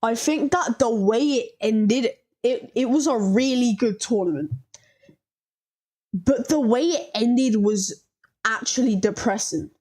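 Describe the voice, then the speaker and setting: A woman hosting a reaction video, talking in a slangy, halting way as she thinks aloud and gives ratings. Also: on the high side, a little mellow. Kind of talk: casual reaction commentary.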